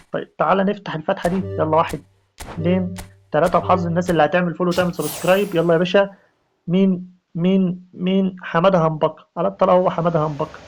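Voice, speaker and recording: A man with an Egyptian Arabic accent giving excited, repetitive gameplay commentary on a mobile football game. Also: sits high, lo-fi sound. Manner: rapid, repetitive, hyped street slang.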